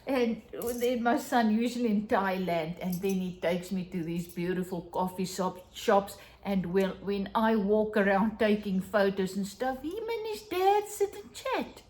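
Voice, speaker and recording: A middle-aged South African vlogger whose first language is Afrikaans chats casually to camera, gushing enthusiastically and exclaiming over small things she's found. Her mid-range voice is expressive and darkish, at a measured pace with few pauses.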